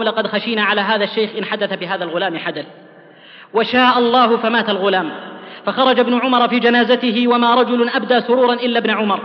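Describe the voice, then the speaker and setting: A man preaching a sermon, telling old stories fervently and dropping low and soft on solemn phrases. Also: in a large hall, lo-fi sound. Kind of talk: sermon with storytelling.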